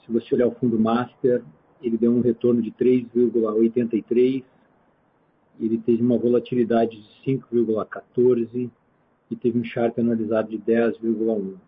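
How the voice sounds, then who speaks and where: Slightly husky Brazilian man on phone. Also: mid-range voice, flat delivery, normal speed. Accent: Brazilian Portuguese. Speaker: chief investment officer presenting results. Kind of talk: business presentation, semi-spontaneous. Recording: narrow, tinny phone line.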